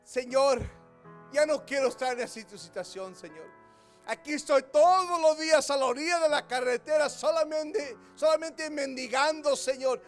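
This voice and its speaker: A man's voice: very high voice, moderate pace, faint music behind, pitched above the performer's own voice. A man voicing a desperate blind beggar crying out. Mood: pleading. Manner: loud pleading cries.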